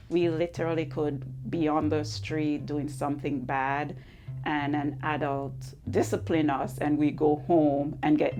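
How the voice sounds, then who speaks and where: A middle-aged woman answering interview questions in a low, unhurried voice. She speaks in a measured, reflective way, and soft music plays underneath. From Jamaica. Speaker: co-founder of a wellness business, interviewee.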